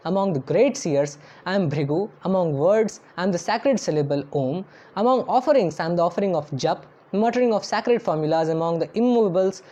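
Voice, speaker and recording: एक महिला जो धार्मिक श्लोकों को गाकर पढ़ती है और फिर उनका अर्थ शांत, नपे-तुले ढंग से पढ़कर सुनाती है।. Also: female voice, lowish voice, mellow. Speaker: scripture reciter and translator. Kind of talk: chanted verse recitation with read translation. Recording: dull lo-fi recording over faint instrumental music.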